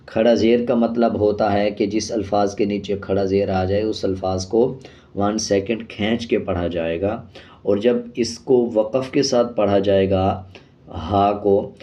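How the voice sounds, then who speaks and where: A man teaching Quran reading, spelling out syllables very slowly with drawn-out sounds, then explaining the rules more quickly and quietly. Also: fairly low pitch, fairly even intonation. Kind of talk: slow spelling-out lesson with drawn-out recitation. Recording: slightly dull lo-fi sound.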